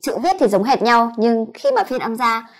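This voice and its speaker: A woman with a Vietnamese accent teaching a pronunciation lesson, sounding out each sound slowly and repeating it. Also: a little high, big pitch swings. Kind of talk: explanatory lesson.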